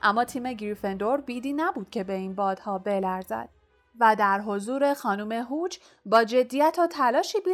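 A woman reading a novel aloud as a narrator, in a steady, even way. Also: medium pitch. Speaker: audiobook narrator. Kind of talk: scripted storybook narration.

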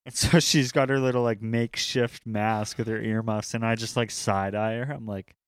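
A man's voice: lowish voice, fairly even intonation, moderate pace, clean tone, dry recording. A man in casual chat, talking loosely with slang and swearing.

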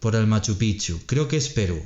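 A man co-hosting a podcast quiz, reading questions and options slowly and explaining the grammar patiently. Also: lowish voice, expressive, lo-fi sound, over loud music. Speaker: podcast co-host running a quiz. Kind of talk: slow, clear Spanish-lesson quiz chat.

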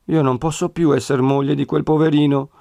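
A man's voice: a little high, level tone, gravelly, dry recording, studio quality, pitched above the performer's own voice. A man doing a sorrowful devout young woman. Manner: soft, slow, tearful pleading.

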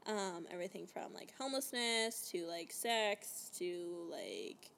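A woman's voice: fairly low pitch, big pitch swings, measured pace, vocal fry, a bit bright. A woman of twenty-two from British Columbia, hosting a podcast in casual, chatty talk full of "like" and casual swearing, recorded outdoors. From British Columbia, Canada. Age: 20s. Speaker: podcast host. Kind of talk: casual chat.

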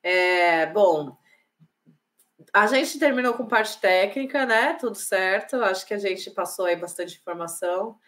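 A woman's voice: mid-range voice, animated, a little slow, a bit bright. A woman hosting an interview, friendly and thankful as she wraps it up. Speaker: host. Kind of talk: interview host wrapping up.

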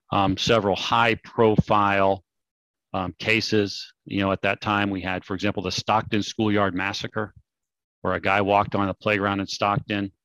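With a low yet fairly bright voice, a man in his forties from California hosts a podcast, explaining topics in a relaxed, conversational style. The recording is dry and rough.

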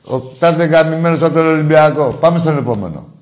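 A man hosting a call-in show about football, with crude, mocking banter that swings from loud rants to low muttered asides.

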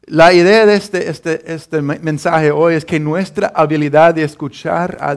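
Halting Spanish-speaking pastor man preaching. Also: on the high side. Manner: halting, many restarts, chuckles at his own story. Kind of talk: sermon.

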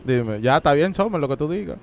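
A man co-hosting a casual podcast chat, amused and trying to calm his friend with quick interjections. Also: on the high side, creaky, noisy background. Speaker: podcast co-host.

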